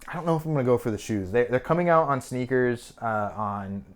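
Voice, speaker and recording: A man's voice: medium pitch, lively intonation, fairly quick, clear, resonant tone. A young man co-hosting a podcast, chatting casually and rambling with fillers and restarts. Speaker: podcast co-host. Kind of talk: casual chat.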